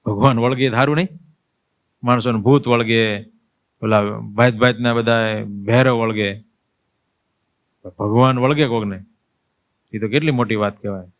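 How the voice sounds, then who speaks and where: In this sermon, a swami narrates a devotional story with energy, voicing the old woman's cries and her dialogue himself. His mid-range voice is unhurried with frequent pauses, and he asks his audience rhetorical questions like "understood?".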